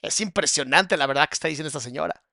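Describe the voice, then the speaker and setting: A man with a Mexican accent mocks a video in crude, sarcastic commentary. His voice sits a bit high and rasps with gravel, and it sounds dry and close. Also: racing, sharp tone, no room sound. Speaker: psychologist reacting to a video.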